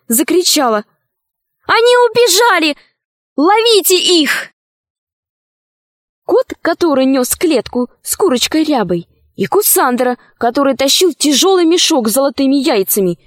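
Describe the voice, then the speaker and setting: A woman narrating a children's storybook in an expressive reading. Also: high-pitched, normal speed, hardly any pauses, dry recording, clean studio sound.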